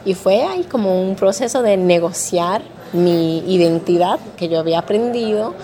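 A woman's voice: medium pitch, animated, normal speed, mellow, slight background noise. A woman in her thirties from the Dominican Republic, telling her life story thoughtfully, with fillers and restarts. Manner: reflective, with frequent fillers and restarts. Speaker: interviewee. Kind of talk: personal testimony.

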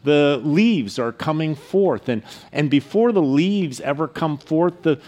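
A male pastor preaching a sermon at a pulpit microphone, earnest and measured, often restarting phrases and reading scripture aloud. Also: on the high side, expressive, darkish tone.

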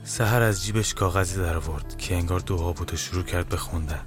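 A man narrating a first-person supernatural horror story with dramatic, tense delivery. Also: sits low. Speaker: narrator and writer. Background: guitar music.

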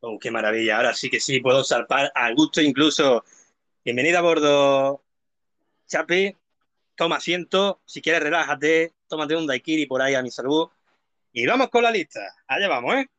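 A man hosts a live show in a bright, forceful voice pitched a little high. He is playful and rattles through long lists of names, and the sound is close and dry. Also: moderate pace, dry recording. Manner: playful, reads a long name list at speed. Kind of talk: casual live-stream chat.

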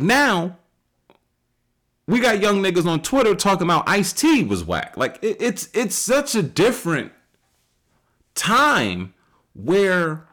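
A man in his late thirties hosting a solo podcast, talking casually and rambling with many fillers and restarts, rising loud and high when he makes a point. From United States. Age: 30s. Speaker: podcast host.

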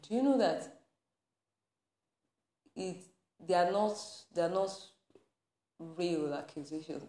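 A woman's voice: on the low side, a little mellow. A woman podcast host in a passionate faith-based rant, laughing between points and building to anger. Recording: roomy echo.

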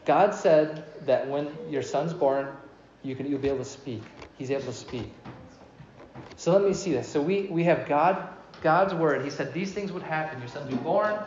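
A man preaching a sermon as pastor, animated and asking his congregation questions. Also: on the high side, normal speed, a little hiss or hum. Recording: echoey, dull hall recording.

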